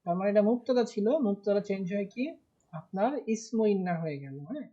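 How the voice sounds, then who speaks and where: A man's voice: high-pitched, fast talker, warm tone. A man teaching Arabic grammar in a live online class, explaining patiently and stressing key words. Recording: muffled online class audio.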